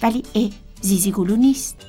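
A woman narrating a children's story in a lively way, talking straight to the kids. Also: mid-range voice, faint music behind. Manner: lively, addresses children directly.

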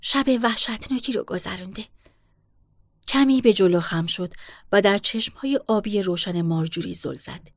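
A woman voicing a calm, persuasive young woman in a storybook reading, polite and coaxing. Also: mid-range voice, no room sound, clean studio sound, lightly acted.

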